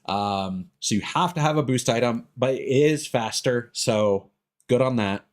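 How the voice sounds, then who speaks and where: This male streamer has a mid-range voice and talks a little slowly as game music plays underneath. He offers loose, explanatory commentary on his live gameplay, wandering from point to point and breaking off mid-thought.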